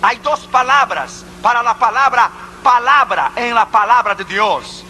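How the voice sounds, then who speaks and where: A man's voice: extremely high pitch, expressive, measured pace, sharp tone, a little hiss or hum. A man preaching a sermon as an evangelist, driving his points home with repeated rhetorical questions.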